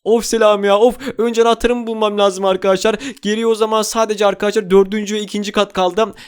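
A man hosting a gaming video, giving excitable commentary and constantly addressing his viewers. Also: high voice, fast, clear, resonant tone. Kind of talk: game commentary role-play.

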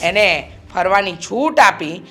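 A woman's voice: mid-range voice, expressive, slow pace, a bit bright. A bossy scheming mother-in-law. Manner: bossy, scolding.

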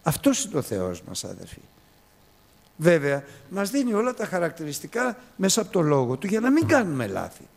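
A man preaching a sermon, telling a story with swings from soft to loud. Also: fairly high pitch, huge pitch swings, creaky.

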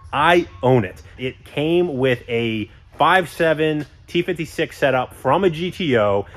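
A man in a car shop chats his way through a build, expressive and quick to poke fun at himself. His voice sits in a middle register and sounds close and dry, with little room echo. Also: medium pitch. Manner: chatty, expressive, self-mocking. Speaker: shop owner and channel host. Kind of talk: casual car-build vlog chat.

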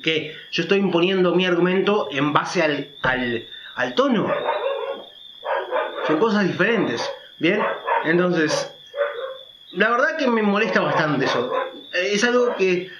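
A man speaks in a loud, emphatic way, sitting higher in pitch than most men. He talks through a casual opinion monologue, often checking in with quick tag questions. The recording is roomy and a little dull. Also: expressive, heavy background noise. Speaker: vlogger.

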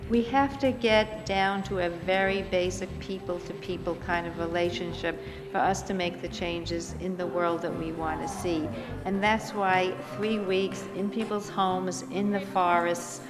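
An earnest middle-aged woman speaks in a low voice in a documentary interview, stressing her points. Her voice trails in a long reverb, with music playing clearly beneath her. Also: steady tone, a little slow. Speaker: organization leader.

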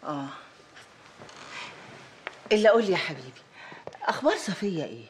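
A woman's voice: lowish voice, sing-song, fairly quick, slight background noise. An actor playing an insistent, coaxing mother who pushes her son to marry, in Egyptian Arabic. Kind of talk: film acting.

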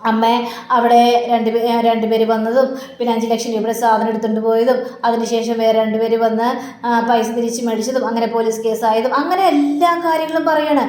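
A woman's voice: fairly high pitch, fairly even intonation, a little fast, darkish tone. A woman retelling a TV serial episode in a chatty, loose way. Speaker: TV serial recap narrator. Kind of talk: casual story recap. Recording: roomy with faint background noise.

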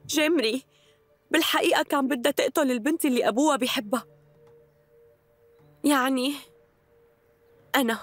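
A woman's voice: high-pitched, normal speed, pauses often, no room sound, soft background music. A woman dubbing a bold young woman who hosts her own online show and speaks to her viewers with brash confidence. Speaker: dubbing actress. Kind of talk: Arabic dub of a TV drama.

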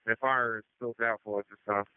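A man acting as fire incident commander, reporting over a two-way radio in a halting way with many uh fillers. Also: lowish voice, steady tone, clear, resonant tone, dry recording. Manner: halting, frequent uh fillers, matter-of-fact. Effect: two-way radio transmission. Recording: tinny dry radio channel.

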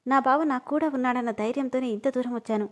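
A woman's voice: high-pitched, quick pace, natural voice. A woman reading the part of an emotional young woman who pleads and cries, in a storybook. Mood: tearful.

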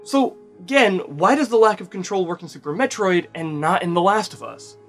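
Recording in a small foam-treated studio, a video essayist in his 20s reads scripted commentary that's conversational yet emphatic. He has a high, fairly bright voice at normal speed, with a studio mic and background music.

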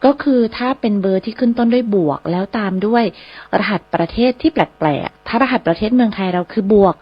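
Female radio teacher, even mid pitch, repeats and spells each word slowly, muffled radio-studio sound. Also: breathy edge. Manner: spells English words slowly letter by letter, repeats phrases. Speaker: radio host and English teacher. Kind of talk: radio English lesson. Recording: slightly dull radio broadcast sound.

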